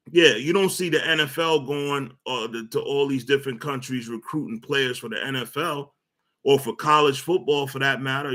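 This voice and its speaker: Pushed and bright at mid pitch, a male sports host delivers a rambling, opinionated rant. He fumbles his words, circles back on himself and fills gaps with "uh" and "you know" while building his case.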